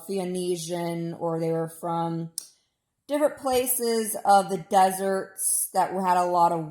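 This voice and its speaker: A vlogger in her mid-thirties, with a hoarse, lowish voice, gives an informal, opinionated personal monologue that keeps digressing. The recording sounds noticeably echoey.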